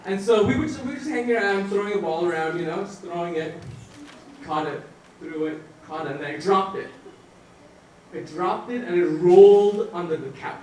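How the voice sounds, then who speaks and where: Young male stand-up comic, very high voice, stammering and rambling, booming echoey room, distant mic. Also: fairly quick, slight background noise. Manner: rambling, stammering delivery with shouted outbursts. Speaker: stand-up comedian. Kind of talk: stand-up set. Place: comedy stage in front of a live audience.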